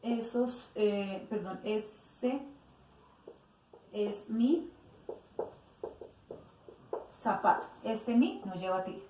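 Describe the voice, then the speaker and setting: A woman's voice: medium pitch, extremely slow, pauses often, dark tone, a little hiss or hum. A woman teacher explaining a grammar lesson step by step, correcting herself and acting out example phrases. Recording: roomy echo, distant from mic.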